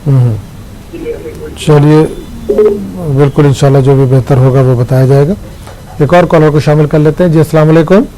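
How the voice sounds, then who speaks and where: A man with a slightly raised pitch hosts a call-in program. He greets each caller courteously, repeats where they are calling from, and sums up their questions in a brisk, orderly way. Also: fairly even intonation, warm tone, low-quality recording. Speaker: host of a call-in religious show. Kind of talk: call-in TV hosting.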